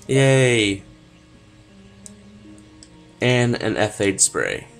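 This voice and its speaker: A young man talks over a video game in a loose, conversational way, with dry sarcasm and a few swear words. His voice sits on the low side, and soft music plays faintly behind him. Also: a little slow, poor audio. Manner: sarcastic, swearing, jokey asides. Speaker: let's play gamer. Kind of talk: casual gameplay commentary.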